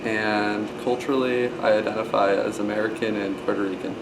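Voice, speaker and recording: A young man from New York answers unsurely, with fillers. His voice is low and gravelly. Some background noise is heard. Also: fairly even intonation, fairly quick. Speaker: interviewee. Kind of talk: casual interview answers.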